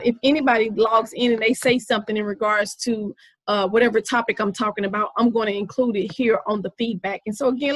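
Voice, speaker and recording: A woman's voice: fairly high pitch, dry recording, low-quality recording. A woman in her forties hosting her own podcast, telling a story in a casual, conversational way with many fillers. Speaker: podcast host. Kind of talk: casual inspirational talk.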